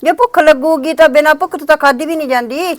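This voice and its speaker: A woman's voice: sits high, quick pace, no room sound, natural voice. A woman playing a sick, aggrieved old mother-in-law who complains and calls on God. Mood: pleading. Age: older. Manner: lamenting, complaining, appeals to God. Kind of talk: village short-drama acting.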